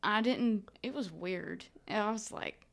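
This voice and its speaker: A woman co-hosting a podcast in casual conversation, giggly and quick to react. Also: medium pitch. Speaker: podcast co-host. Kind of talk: casual chat.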